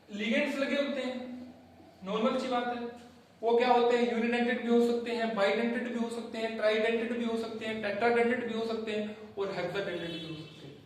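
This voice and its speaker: High-voiced teacher in an echoey room. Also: male voice, fairly bright tone. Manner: addresses students as children, counts aloud, asks and answers own questions. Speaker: chemistry teacher. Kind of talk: classroom lecture. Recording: very echoey room, voice far from mic.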